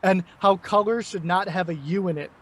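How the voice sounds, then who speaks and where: A man's voice: high-pitched, normal speed, a little hiss or hum. A middle-aged American man, a guest on an interview show, talking casually and rambling with many fillers and restarts. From United States. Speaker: guest, English teacher. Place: home in Korea.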